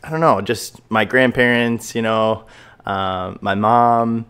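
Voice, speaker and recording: A man's voice: medium pitch, fairly even intonation, slow pace, fairly bright tone, clean tone. A man hosting a casual podcast interview, upbeat and enthusiastic, with frequent fillers. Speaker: podcast host.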